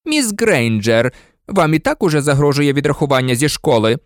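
A man's voice: fairly high pitch, sing-song, moderate pace, no echo, studio quality, voice pushed up. A man voicing sneering, vengeful Snape. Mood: scornful. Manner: silky, sneering, frenzied. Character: cold vengeful male professor, sneering.

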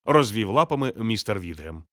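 A man reads a children's storybook aloud, steady and measured with gentle expression. His voice sits low, recorded close and dry with no room sound. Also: no room sound. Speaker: narrator. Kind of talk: scripted storybook narration.

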